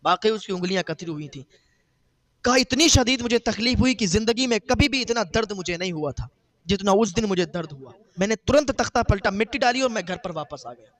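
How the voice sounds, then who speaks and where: A man delivers a sermon as a story, his high voice climbing in dramatic, emotional bursts. He voices the people of the tale as he goes. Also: expressive, a bit bright. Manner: dramatic, quoting characters in rising emotional bursts. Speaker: preacher.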